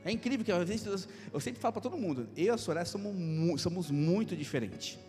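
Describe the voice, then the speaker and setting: A Brazilian man in his thirties, a pastor preaching a lively sermon with jokes and acted asides. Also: high voice, brisk. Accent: Brazilian Portuguese. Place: church hall. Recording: long hall reverb, faint music.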